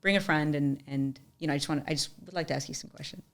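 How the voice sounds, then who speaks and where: Woman, young adult, low voice, gravelly, animated storyteller, interview guest. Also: racing. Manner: animated storyteller, often says "like". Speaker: podcast guest, musician and entrepreneur.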